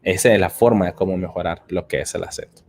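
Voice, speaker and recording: A man's voice: sits low, fairly even intonation, fast, darkish tone. A man hosting a live-stream English lesson, answering viewer comments in a hesitant way, with many filler sounds and repeated words. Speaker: English teacher and host.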